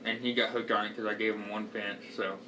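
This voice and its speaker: A man's voice: on the low side, flat delivery, a little fast, sharp tone. A young man chatting casually as a co-reviewer. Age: young adult. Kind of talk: casual chat. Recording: distant microphone, faint background noise.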